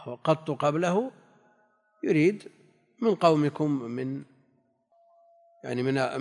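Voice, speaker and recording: A slightly high-voiced man teaches a classical text lesson. He reads his quotes slowly and repeats the key phrases. A long hall reverb trails every word. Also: a little mellow. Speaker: religious teacher.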